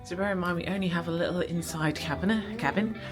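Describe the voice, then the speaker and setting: A British woman with a lowish voice chats away on a travel vlog, rambling and filling gaps with ums and likes. Music plays plainly behind her as she talks into a handheld camera aboard a cruise ship. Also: brisk. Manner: chatty, rambling, many fillers. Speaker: travel vlogger. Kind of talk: casual vlog chat. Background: music playing.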